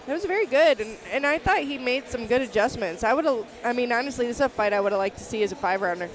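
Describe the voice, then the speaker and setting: A woman's voice: on the high side, fast talker. A woman giving conversational colour commentary and analysis on a live fight. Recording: loud crowd behind.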